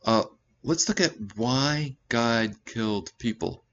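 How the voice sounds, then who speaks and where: A male pastor giving a conversational sermon, breaking into loud emphatic bursts and correcting himself as he goes. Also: mid-range voice, slow pace, highs cut off. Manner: animated preaching with sudden loud emphatic bursts; conversational asides and self-corrections.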